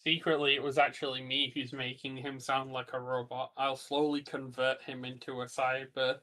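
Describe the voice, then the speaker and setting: A man's voice: medium pitch, level tone, normal speed, sharp tone. A man on a call with a streamer, teasing him and cheering him on in casual chat. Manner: teasing, encouraging. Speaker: friend on a call.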